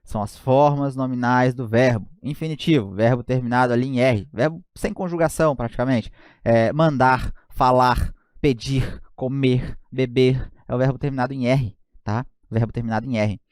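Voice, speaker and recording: Lively Brazilian man teaching grammar. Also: mid-range voice, normal speed, hardly any pauses, dry recording, clean studio sound. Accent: Brazilian Portuguese. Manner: lively, joking, often checks in with "tá?". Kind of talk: online grammar lesson.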